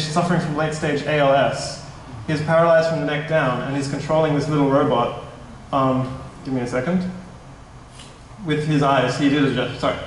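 A man's voice: fairly high pitch, slight background noise. A young man giving a casual, slightly nervous conference presentation at a meetup, correcting himself as he goes. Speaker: tech startup presenter. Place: meetup hall, indoors, large room. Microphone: stand mic at a distance. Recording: echoey hall, mic at a distance.

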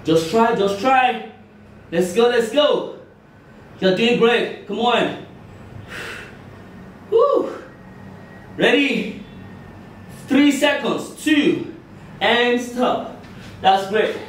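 A man's voice: very high-pitched, extremely slow, long pauses. A middle-aged man working out as an aerobics instructor, counting and cheering on in short, exerted, encouraging cues with puffs. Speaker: fitness instructor leading a workout. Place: indoor tiled room, on an exercise mat. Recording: echoey room, distant mic, faint noise.

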